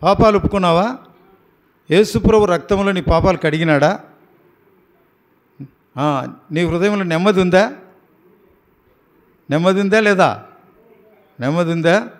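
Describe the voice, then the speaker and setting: High-voiced pastor questioning baptism candidates. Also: male voice, unhurried, long pauses. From Andhra Pradesh. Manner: firm, coaxing questions. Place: prayer house.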